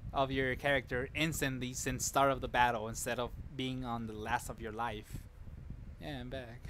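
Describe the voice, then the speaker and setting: A man's voice: mid-range voice, fairly bright tone, a little hiss or hum. A man streaming live, telling a rambling story, laughing often and correcting himself as he goes. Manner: reacts to chat mid-story.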